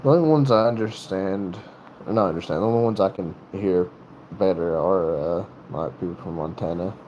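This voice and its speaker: Over dull audio with a noisy background, a low-voiced man hosts a livestream. He's from North Carolina and talks casually in a Southern accent, rambling, pausing and frequently starting his sentences over.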